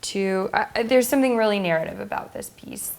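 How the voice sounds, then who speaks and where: A guest painter reviewing photographs chats casually, her medium-pitched voice animated, a little fast and touched with vocal fry. She gives candid, opinionated reactions as faint music plays in the background.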